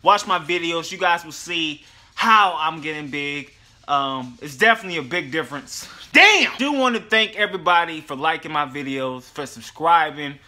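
A young man talking casually in a fitness vlog, profane and joking, with sudden loud yelled bursts. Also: fairly high pitch, moderate pace. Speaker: fitness vlogger.

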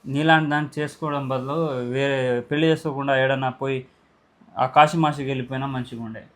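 A man's voice: mid-range voice, level tone, fast, a bit bright. A man, speaking in a staged couple prank at home, scolding harshly before turning to coax and soothe. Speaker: husband pulling a prank on his wife.

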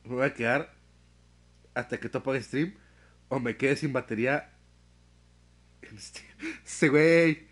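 A young man with a Mexican accent, chatting casually on a live stream, full of slang and swearing, telling stories with animated energy. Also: medium pitch, unhurried, pauses often. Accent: Mexican Spanish.

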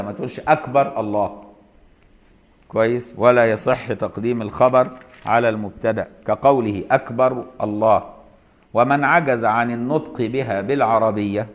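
An Egyptian man gives a lesson on a classical legal text, moving between formal reading and casual colloquial explanation. His voice sits at a middle pitch, and the recording is a little dull and muffled. He often stops to ask whether his listeners have understood. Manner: reads a line then explains it in colloquial speech, often checking understanding. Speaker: Islamic law teacher.

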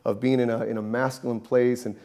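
A man's voice: medium pitch, fairly quick. A man in his thirties, a barber, telling stories in a documentary interview inside a barbershop. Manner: animated storytelling, gesturing.

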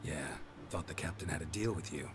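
An actor playing a gruff monster hunter in a video game who speaks curtly and deadpan, in few words. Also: male voice, rumbling low, a little fast. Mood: flat. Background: game music.

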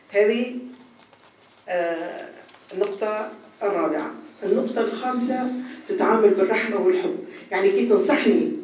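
A woman's voice: medium pitch, a little mellow. Tunisian woman lecturing in an echoey hall. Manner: earnest, exhorting, repeats for emphasis. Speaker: religious teacher. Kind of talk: religious lecture on ethics. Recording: echoey hall, far from the mic, faint noise.

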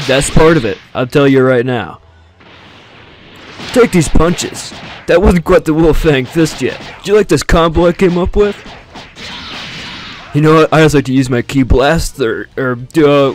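A man's voice: mid-range voice, lightly acted. A man doing a cartoon impression voice of a cocky, goofy, easily flustered young martial-arts fighter, boastful and casual. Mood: casual banter. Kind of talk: cartoon character impression over fighting game. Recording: game music and blasts behind.

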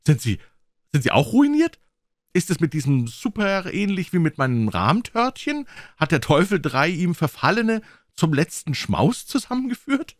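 A man voicing a bitter, desperate young man who breaks into high, overwrought outbursts. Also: very animated, normal speed, no room sound. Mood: frantic.

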